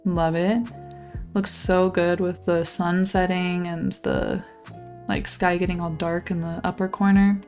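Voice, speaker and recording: Touring a game island for her channel, a young woman gives bubbly, gushing, exclamatory commentary, her voice a little worn from losing it lately. It sits on the low side with a steady tone, a little slow and mellow, over soft background music.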